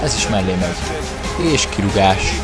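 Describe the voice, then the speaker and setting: A Hungarian man giving excited football gameplay commentary, exclaiming and stretching his words as he follows the play. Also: low voice. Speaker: gaming video creator commentating own match. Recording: music behind the voice. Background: music.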